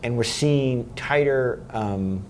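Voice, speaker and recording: A man's voice: mid-range voice, slow pace, a little mellow, slight background noise. A man hosting a conversational interview, asking questions in a hesitant, restarting way. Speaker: interviewer, host.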